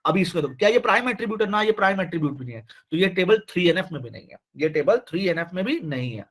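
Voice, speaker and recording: Male online tutor, fairly high voice, lively and pushy, keeps asking the class to answer. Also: racing. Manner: animated, repeats himself, keeps urging students to reply. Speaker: teacher. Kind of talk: live online class lecture.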